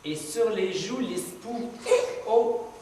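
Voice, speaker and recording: A woman's voice: medium pitch, expressive, slow pace, dark tone. A woman teacher reading a story to young children and stopping to ask them patient, encouraging questions about sounds and rhymes. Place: classroom with children. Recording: echoey classroom from far off with noise.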